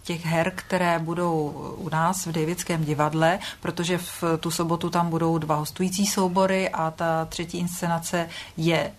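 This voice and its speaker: A woman with a fairly low voice speaking as a radio talk-show guest. She talks in a measured way and stops often to find her words. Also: flat delivery. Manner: measured, hesitant. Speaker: theatre guest. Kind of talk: radio studio chat.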